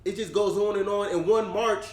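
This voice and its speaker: A man co-hosting a casual barbershop discussion, talking in an animated way and climbing higher when he presses a point. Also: moderate pace. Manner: animated, rising pitch when stressing points. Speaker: podcast co-host. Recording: echoey room.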